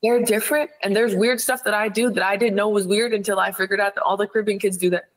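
A woman from Ohio speaks as a psychiatrist in a relaxed interview. Her voice sits at a middle pitch, and her delivery is direct and blunt, with an animated storytelling manner. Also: fast talker, poor audio. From Ohio, USA. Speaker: psychiatrist guest. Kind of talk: casual conversational interview.

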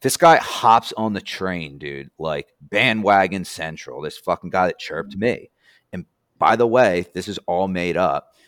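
A man with a lowish voice tells a rambling anecdote on a casual podcast, cursing freely and getting animated as he goes. The sound is dry, with no room echo. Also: a little slow. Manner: profane, animated storytelling.

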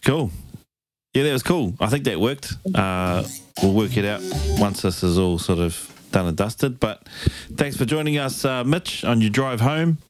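A man's voice: lowish voice, animated, measured pace, faint music behind. A man hosting a casual chat podcast in a laid-back, slangy way. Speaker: podcast host.

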